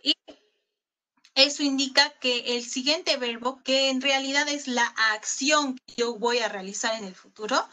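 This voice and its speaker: A woman's voice: sits high, sharp tone. A woman English teacher giving a recorded online class in Spanish, patient, often asking her pupils questions. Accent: Peruvian Spanish.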